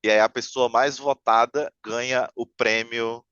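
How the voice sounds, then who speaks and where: A man's voice: mid-range voice, steady tone, measured pace, fairly bright tone, smooth, dry recording. A man telling a long story in casual podcast chat, rambling with many fillers and restarts. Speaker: podcast guest. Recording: muffled, lo-fi mic sound.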